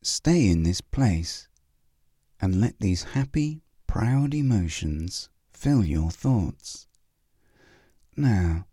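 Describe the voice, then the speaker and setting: A man leading a guided visualization meditation in a calm, soothing way, with long pauses. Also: lowish voice, no echo, clean studio sound.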